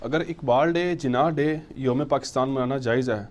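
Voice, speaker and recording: Male questioner, mid pitch, measured question reading.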